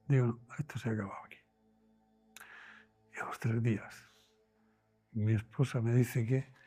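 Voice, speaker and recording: A man from Spain, a doctor, telling his own experience in an interview, acting out dialogue as he speaks. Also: mid-range voice. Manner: animated storyteller, acts out dialogue in quoted voices. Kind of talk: storytelling in an interview.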